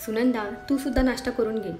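A woman voicing a friendly middle-aged hostess who chats and gently teases. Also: on the high side, steady tone, fast, echoey room, soft background music, close to an everyday voice.

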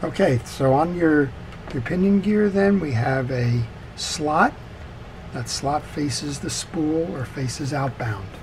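On a low-quality recording with steady background noise, a man with a fairly high voice slowly works through a fishing reel repair. He demonstrates at an indoor wooden workbench, giving methodical, laid-back instructions step by step.

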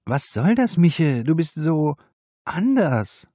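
A man voicing a tense young female library worker, raising his husky voice high for her upset, pleading lines. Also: very animated, slow pace, warm tone, no room sound, clean studio sound, full character voice.

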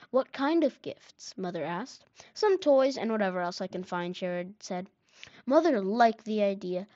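A woman reading a children's mission story in a clear, measured narration. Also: mid-range voice, darkish tone, dry recording. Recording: dull, dry recording.

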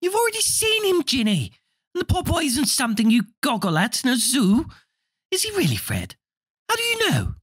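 A woman's voice: high voice, huge pitch swings, moderate pace, husky, no echo, clean studio sound, voice pushed up, exaggerated voice. A man reading a storybook aloud, voicing a fussing, stern mother in a raised, shifted voice.

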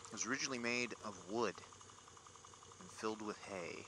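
A motovlogger with a low voice chats casually at a moderate pace, muttering to himself as he rides a motorcycle through city streets at night. His voice sounds enclosed, picked up by a small mic and recorder inside his helmet, and he makes wry, grumbling asides at the traffic over engine and traffic noise.

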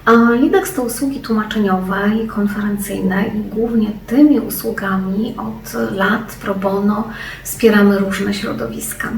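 A woman's voice: medium pitch, creaky. A woman giving a prepared company statement, hesitating often with fillers. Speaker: company representative. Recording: echoey room, distant mic, faint noise.

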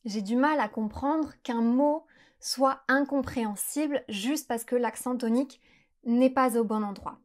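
A young woman from France teaching French pronunciation, explaining mistakes clearly and slowing down for spoken examples. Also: on the high side, a little mellow. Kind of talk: explanatory lesson to camera.

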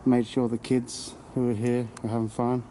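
This young English vlogger explores a burnt-out, abandoned building in the dark, cracking crude jokes and swearing often. He speaks at a normal pace in a dark, medium-pitched voice that barely moves in pitch, recorded on noisy handheld camera audio.

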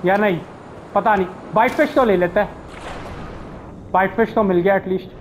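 A man giving casual gameplay commentary, relaxed and mixing in English words, chuckling at the game. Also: high voice, moderate pace, slight background noise, low-quality recording. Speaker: gamer, channel host.

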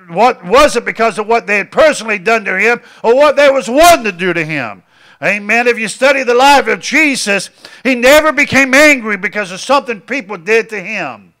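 A middle-aged male preacher delivering a sermon in a high-pitched voice with a bright, forceful edge. He peppers his lines with amens and circles back over phrases as he builds his points. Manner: frequent interjected amens, repeating phrases.

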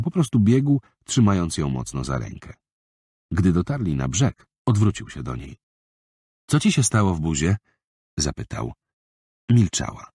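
A man narrating an audiobook with an expressive, lively reading, close on a studio mic. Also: extremely low pitch, husky, no echo.

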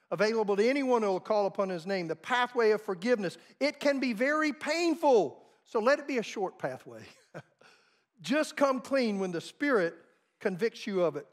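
A man preaching a sermon, telling stories with emphasis and big swings between loud and soft. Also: high-pitched. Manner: storytelling, emphatic, dramatic swings in volume. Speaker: pastor.

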